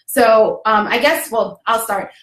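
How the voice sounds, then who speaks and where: A woman's voice: fairly high pitch, unhurried, fairly bright tone. A young woman from Jamaica hosting a casual livestream, upbeat and chatty, laughing often. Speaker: host. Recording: echoey room.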